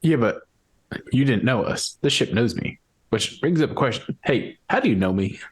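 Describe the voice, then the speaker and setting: A man's voice: mid-range voice, expressive, moderate pace, husky. A man playing a tabletop game, chatting informally and hesitantly as he thinks aloud. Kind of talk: casual in-game chat.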